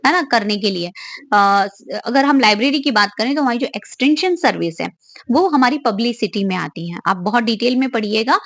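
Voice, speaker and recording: A woman's voice: a little high, a bit bright, no room sound. A young adult woman, giving an online exam-prep lecture, explaining step by step and asking and answering her own questions.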